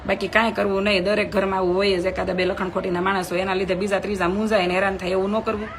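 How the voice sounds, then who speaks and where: A woman's voice: medium pitch, flat delivery, very fast, slight background noise. Outspoken woman streaming live. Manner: outspoken, emphatic, reads out comments. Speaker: live video host. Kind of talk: live stream talk to viewers. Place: home.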